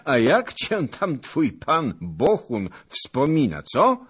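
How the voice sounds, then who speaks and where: Man putting on a loud old noble braggart, husky, bantering, lively swoops, storybook reading. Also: a little high, slow, voice pushed up, exaggerated voice. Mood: jovial teasing. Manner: loud, bantering, mock-solemn. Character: jovial boastful old nobleman, boisterous drinker.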